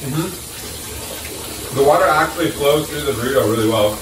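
A man's voice: mid-range voice, normal speed, recorded from a distance, background noise. A young man chatting casually as a food reviewer, talking while chewing, laid-back and joking. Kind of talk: casual chat. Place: shower stall. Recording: echoey shower from off-mic, running water. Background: running shower water.

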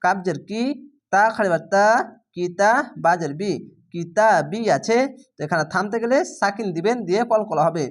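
Patient Bangladeshi man teaching Quran spelling. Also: high voice. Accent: Bangladeshi Bengali. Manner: slow, patient, repeats each syllable, then recites drawn out. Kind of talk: spelling-out recitation lesson.

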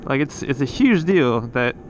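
A very animated motovlogger with a mid-range voice talks at a measured pace while riding his motorcycle on a coastal road. His casual, rambling monologue is full of fillers and restarts, and the rough helmet-camera audio has a little hiss or hum.

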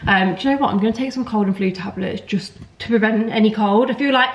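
A young English lifestyle vlogger chats to a camera held at arm's length, first in a parked car and then in a home kitchen. Her medium-pitched voice moves quickly and sounds nasal from a blocked nose, and she gushes and eats while she talks. The camera mic cuts off the highs.

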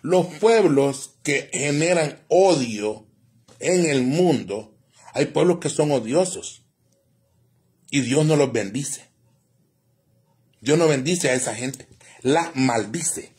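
A man with a strongly husky, somewhat high voice rants live to his viewers. He preaches, insults and prophesies doom. The delivery is heated and sermon-like. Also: lively intonation, takes it slowly, pauses often, a little mellow. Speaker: live streamer. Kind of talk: ranting live-stream monologue.

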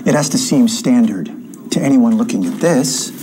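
A man's voice: medium pitch, expressive, normal speed, natural voice. A man playing a blunt, profane, protective police sergeant instructing an officer in a naturalistic TV crime drama. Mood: instructive. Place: small police office, indoors. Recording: clear room ambience noise.

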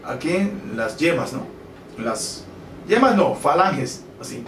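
A man's voice: a little high, sing-song, slow, slight background noise. A man teaching bongo technique, patiently counting beats aloud and correcting himself as he demonstrates. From Colombia. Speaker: bongo instructor. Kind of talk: music lesson with demonstrations. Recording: roomy, mic at a distance, loud drumming. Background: bongo drumming.

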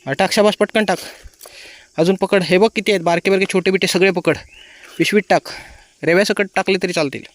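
A man's voice: sits high, fairly even intonation, brisk, pauses often. A man vlogging outdoors by a stream pool, cheerfully urging children on as they catch fish. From Konkan, India. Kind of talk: casual outdoor vlog narration.

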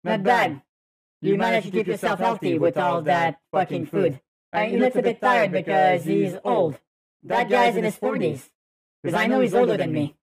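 A high-pitched man in his thirties calls out a game live over a headset microphone, jumpy and profane as he chatters to himself and his viewers. Faint music plays underneath. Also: moderate pace, rough recording. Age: 30s. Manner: excitable, swearing, talks to himself and chat. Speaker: streamer. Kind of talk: gaming livestream commentary. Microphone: livestream headset mic.

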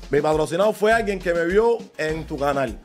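A man's voice: a little high, expressive, fairly quick, faint music behind. A young Cuban man with a Cuban Spanish accent, joking and bragging in a casual live-stream chat. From Cuba. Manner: boastful, joking, slangy. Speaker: guest.

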